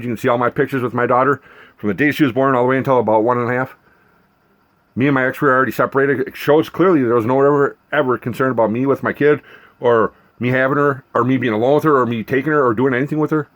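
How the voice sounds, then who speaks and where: A man's voice: medium pitch, a bit bright. Male vlogger, mid register, airing a grievance off the cuff; indignant, profane, hammering each point. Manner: aggrieved, profane, emphatic, repetitive. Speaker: vlogger documenting a personal grievance. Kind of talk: unscripted personal rant.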